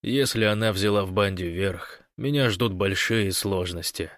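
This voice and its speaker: A man voicing a sly, scheming man who feigns meekness, speaking soft and wheedling in an audiobook. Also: sits low, measured pace, dry recording, clean studio sound. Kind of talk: audiobook character voice.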